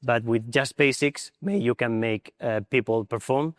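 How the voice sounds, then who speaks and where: A man's voice: mid-range voice, a little slow, no room sound, clean studio sound, long reverb tail. Man, thoughtful and hesitant. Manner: thoughtful, hesitant with fillers in non-native English. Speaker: assistant coach. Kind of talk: panel interview on stage.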